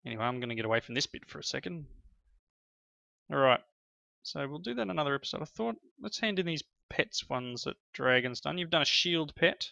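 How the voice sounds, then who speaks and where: Gravelly, bright-toned father narrating gameplay. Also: fairly high pitch, expressive, brisk, dry recording. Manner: chatty, praises and encourages his kids. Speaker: gaming channel host playing with his children. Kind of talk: casual gameplay commentary. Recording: slightly dull lo-fi sound.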